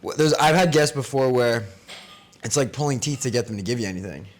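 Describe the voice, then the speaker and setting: A man's voice: medium pitch, expressive, a little fast. A young man hosting a casual podcast, chatting in an informal, slangy, profane way with a friend. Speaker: podcast host. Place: villa in Greece, in-person podcast.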